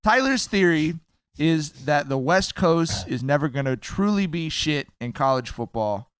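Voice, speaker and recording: Podcast cohost guy, bright crisp voice, chuckles while steering the chat. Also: a little high, animated, measured pace, no echo, clean studio sound. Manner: chuckles through his lines, steers the conversation. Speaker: podcast co-host. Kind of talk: casual chat.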